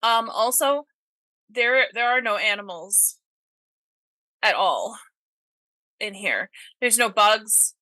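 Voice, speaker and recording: A woman playing a tabletop game, speaking hesitantly with many pauses. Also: medium pitch, lively intonation, pushed and bright, dry recording. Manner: hesitant, lots of ums and restarts. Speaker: player. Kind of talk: casual in-game chat.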